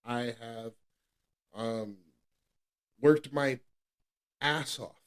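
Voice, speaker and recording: His mid-range voice is clear and resonant, and he speaks very slowly. The man, a New Englander in his thirties co-hosting a podcast, delivers an earnest, repetitive personal testimony, frequently restarting what he says.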